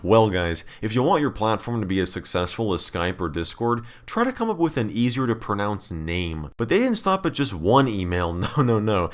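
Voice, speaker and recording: Casual male YouTuber, lowish voice with lively intonation, reading out messages in sarcastic disbelief. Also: moderate pace, few pauses. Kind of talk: casual comedic commentary, reading emails aloud.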